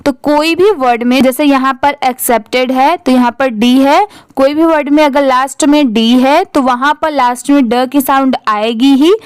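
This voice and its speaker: A woman's voice: high-pitched, no echo. A woman teaching English reading, spelling words out letter by letter and answering her own questions.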